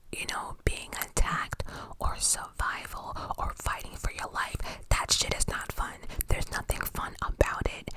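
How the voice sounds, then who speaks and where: A woman whispers breathily, right up against a cupped mic, in an ASMR commentary style. Her delivery is informal and opinionated, with emphatic repeats and blunt swearing, all without full voice. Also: poor audio. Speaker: ASMR creator. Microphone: close-up cupped USB condenser microphone.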